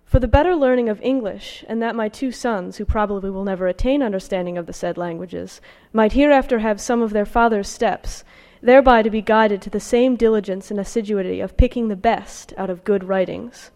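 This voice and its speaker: In a large room with long reverb, a woman gives an academic talk with slides, presenting her research and reading out quotations. Her mid-pitched voice is mellow, and her manner is scholarly and slightly halting.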